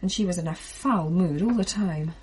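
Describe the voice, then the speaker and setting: A young adult daughter narrating a radio play. Dry, plain delivery, breathy tone. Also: female voice, lowish voice, moderate pace, darkish tone. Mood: calm.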